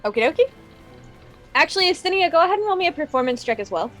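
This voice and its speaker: A woman's voice: very high-pitched, sing-song, very fast, a bit bright, faint music behind. A woman running a tabletop game as game master, talking casually and loosely with filler words.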